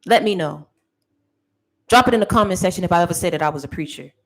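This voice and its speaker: A woman's voice: fairly low pitch, animated, fast talker, low-quality recording. A woman giving a motivational monologue to camera, sassy and preachy, talking straight at her critics. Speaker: motivational speaker.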